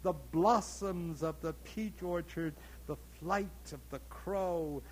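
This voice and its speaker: A man's voice: a little high, poor audio. A man declaiming as a lusty frontier landowner. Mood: rapturous. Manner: slow, declaiming, swelling loudly on words. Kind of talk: dramatic monologue poetry reading.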